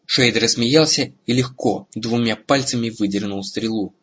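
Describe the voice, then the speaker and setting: Husky male audiobook narrator. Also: mid-range voice, a little slow, fairly bright tone, lo-fi sound. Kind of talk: scripted narration.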